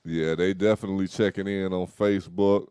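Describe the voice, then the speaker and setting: A young man co-hosting a casual talk show, talking in loose slang and telling animated stories. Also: low-pitched, brisk, clear, resonant tone, no echo, clean studio sound. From Dallas, Texas. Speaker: host. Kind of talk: casual podcast chat.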